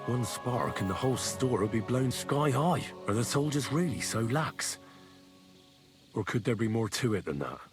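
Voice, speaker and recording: A man's voice: mid-range voice, lively intonation, normal speed, over music, lightly acted. A young man voicing an earnest, curious squire in a game, thinking aloud and asking questions. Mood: thoughtful. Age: young adult.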